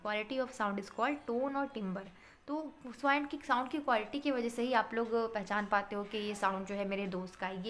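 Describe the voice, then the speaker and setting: A woman teaching a physics class, explaining in Hindi, checking in with her students and reading English textbook lines slowly. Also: mid-range voice, slight background noise. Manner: addresses students as beta, checks with "है ना".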